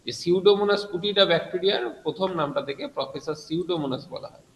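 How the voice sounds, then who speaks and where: A man's voice: high-pitched, fast talker, slight background noise. A man teaching an online science class, explaining with frequent fillers and self-corrections, his voice heard in a heavy echo like a cathedral. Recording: echoey, reverberant room sound.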